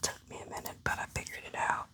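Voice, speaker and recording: A woman hosts an unboxing video, whispering ASMR-style commentary in a hushed, unhurried voice as though musing aloud to herself.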